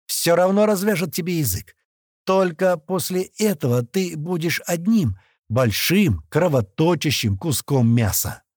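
A man's voice: on the high side, expressive, measured pace, a little mellow, no echo, clean studio sound, voice pushed up. A man voicing a menacing adult fighter who threatens a captive in a hard-edged way.

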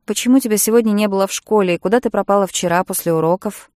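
A woman's voice: mid-range voice, rapid-fire, a little mellow, no echo, studio quality, lightly acted. Woman voicing a proud, stubborn teenage boy. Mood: curt.

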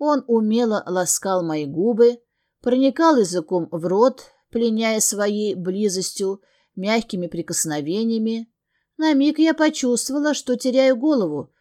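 A woman's voice: fairly high pitch, animated, measured pace, mellow. A woman reading a first-person fantasy novel aloud, earnest and emotional. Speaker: audiobook narrator.

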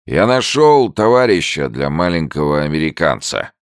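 A man's voice: very deep voice, very animated, moderate pace, dry recording, clean studio sound, pitched above the performer's own voice. A man voicing a drunk, boisterous old French bargeman in an audiobook, slurring and bellowing. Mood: drunk boasting.

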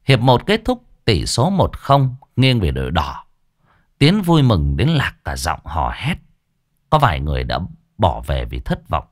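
Brief: lively, dramatic male audiobook narrator, low and very animated, dry close sound. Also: measured pace, dry recording. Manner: dramatic, colloquial, earthy. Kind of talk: storytelling narration.

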